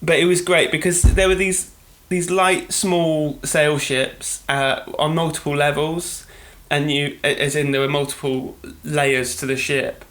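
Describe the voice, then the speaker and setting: A man's voice: on the high side, fairly even intonation, a little slow, a bit bright. A man from Britain co-hosting a podcast, talking in a rambling, chatty way and often correcting himself mid-sentence. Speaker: podcast co-host. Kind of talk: casual podcast monologue.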